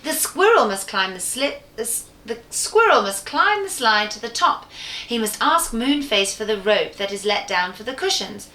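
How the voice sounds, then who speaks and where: A woman's voice: fairly high pitch, lively intonation, normal speed, pushed and bright. A woman voicing a sensible young boy who speaks earnestly in a storybook reading, in an echoey room.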